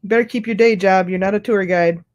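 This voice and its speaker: A woman's voice: mid-range voice, fairly even intonation, fast, darkish tone, dull audio. A woman in her forties, a guest in a casual live-stream chat, snarky and sarcastic, laughing often. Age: 40s.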